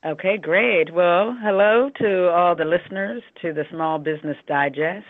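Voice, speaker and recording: A woman's voice: lowish voice, normal speed, dry recording. An American woman with a slightly froggy voice, talking conversationally as an interview guest. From Western Pennsylvania, United States. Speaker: interview guest, leadership consultant and coach. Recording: dry, tinny phone line.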